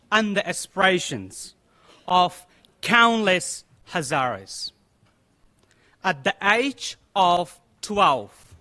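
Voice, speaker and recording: Young man giving a slow, high-voiced formal speech. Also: sharp tone. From Afghanistan. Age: young adult. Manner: slow, deliberate, solemn delivery. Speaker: youth delegate speaker.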